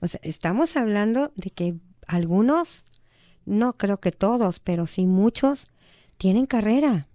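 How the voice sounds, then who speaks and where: A woman's voice: mid-range voice, animated, unhurried, dark tone, no echo, studio quality. A woman with a Mexican accent, a human rights advocate speaking earnestly as a guest on a radio talk show. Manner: earnest, conversational, acts out quoted dialogue. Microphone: studio microphone.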